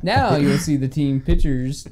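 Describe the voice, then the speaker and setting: A podcast guest talks slowly in a chatty, teasing way, with a pitch that swings widely. Clear noise sits under the voice. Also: lively intonation, darkish tone. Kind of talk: casual chat.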